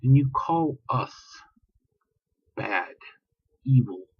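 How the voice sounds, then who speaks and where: Slow, blunt, profane man ranting. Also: medium pitch, expressive, breathy edge, no echo, dull audio. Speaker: vlogger. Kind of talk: casual spoken rant.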